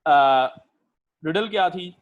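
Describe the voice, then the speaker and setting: A male lecturer, teaching a literature class online, explaining slowly with many pauses and fillers and putting questions to his students. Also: high voice, phone-quality sound.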